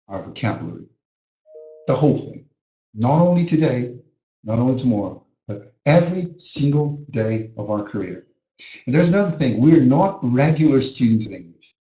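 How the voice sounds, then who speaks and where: A native Portuguese speaker from Brazil, working as a teacher educator, drills words earnestly during a live webinar lesson. His voice is medium-pitched and dark, heard in roomy, dull audio, with a small child audible from time to time.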